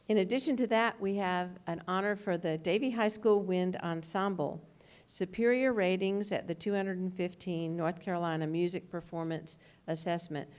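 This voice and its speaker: Woman, school official, somewhat low voice, careful reader of names at a board meeting. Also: a little mellow. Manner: measured, careful name reading. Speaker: school official presenting awards.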